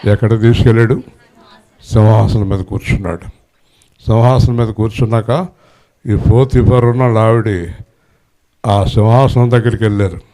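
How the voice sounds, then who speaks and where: A man preaching a sermon who scolds and quizzes his congregation, demanding loud answers, and swings from low murmurs up to high shouted peaks. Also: steady tone, moderate pace, pauses often. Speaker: pastor.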